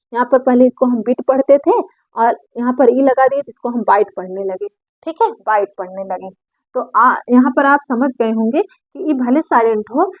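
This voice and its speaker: A woman's voice: a little high, a little mellow, dry recording. A woman explaining pronunciation rules in a lesson, patient and repetitive, asking questions and then answering them herself. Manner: patient, repeats key points, asks and answers her own questions. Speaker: English pronunciation teacher. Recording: dry, muffled lo-fi recording.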